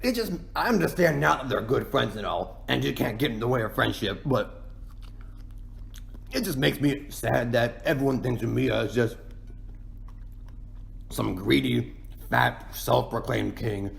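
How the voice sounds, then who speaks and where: A man voicing a self-pitying, boastful cartoon penguin king in a folksy, rambling ASMR roleplay monologue, with a gravelly, creaky voice. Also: medium pitch, expressive, unhurried, long pauses. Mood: glum, complaining.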